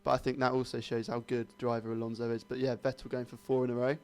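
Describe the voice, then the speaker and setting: Fast-talking young man with a flat voice. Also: medium pitch, clear, resonant tone. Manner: quick, flat-toned, hedging opinions. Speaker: sports radio co-host. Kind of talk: casual sports chat.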